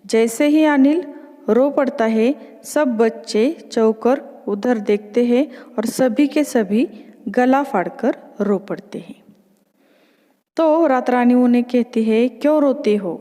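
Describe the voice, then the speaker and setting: Slow mellow woman storyteller. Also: fairly high pitch, in a large hall. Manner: patient, explanatory. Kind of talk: reading a children's play aloud.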